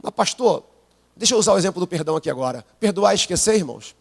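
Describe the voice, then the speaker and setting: A man preaching a sermon in a church with a Brazilian Portuguese accent, unwell but pushing on, calling on the congregation to repeat his words and rising from low asides to shouted peaks. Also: animated, racing, gravelly, husky. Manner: call-and-response preaching, prompting the congregation to repeat. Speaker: pastor. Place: church sanctuary. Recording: live church sound with long hall reverb.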